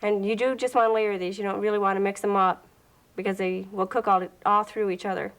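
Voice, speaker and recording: A woman's voice: mid-range voice, level tone, a little fast, rough recording. Plainspoken woman demonstrating a recipe. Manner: plainspoken, instructive. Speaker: guest cook. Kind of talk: cooking demonstration. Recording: 1980s TV broadcast audio.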